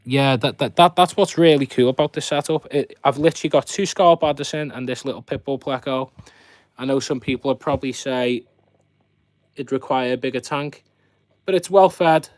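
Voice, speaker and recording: A man's voice: mid-range voice, brisk, no room sound. Chatty man, close dry sound. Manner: rambling, chatty commentary with viewers addressed directly. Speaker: host of a fishkeeping live stream. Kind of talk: casual live chat, showing his fish tanks.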